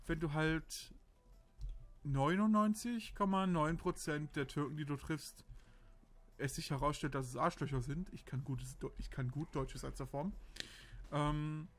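A young man from Berlin giving rambling, crude, casual commentary while playing a shooter game. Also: fairly high pitch. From Berlin, Germany. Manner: rambling, crude, self-justifying chatter. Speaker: let's play commentator.

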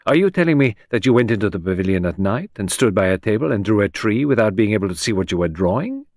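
A man voicing a fastidious middle-aged male detective, precise and probing, in an audiobook. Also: medium pitch, sing-song, gravelly, a little mellow, no echo, studio quality, pitched above the performer's own voice. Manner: precise, probing, coolly insistent. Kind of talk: audiobook character voice.

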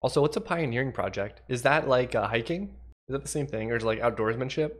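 Talking fast at a medium pitch, a young man from Washington state chats casually with his livestream viewers while coding. His voice is slightly congested and nasal, and he coughs. He's a chatty livecoding streamer who thinks aloud and reads chat messages aloud.

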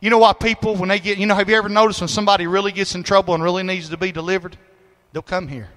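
A man preaching a sermon as pastor, telling a story in a folksy way and building to shouted praise. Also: high voice, steady tone, racing. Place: church sanctuary. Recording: long hall reverb.

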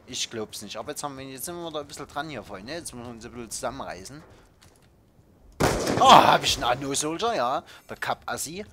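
A young man hosting his own gaming video, giving excited play-by-play of a shooter match and yelping at every hit. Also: medium pitch, quick pace. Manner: yelps and groans at the game, shouting in bursts. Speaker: gaming channel host. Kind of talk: excited Call of Duty commentary. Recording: loud background game noise.

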